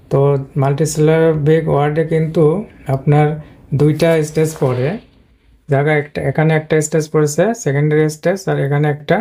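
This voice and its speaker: A male English teacher talks through a lesson on screen. He explains patiently and repeats himself often. His voice is mellow and dark, and it stays on an even, flat pitch. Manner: patient, repetitive explaining with frequent "but" fillers. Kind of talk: screen-based video lesson.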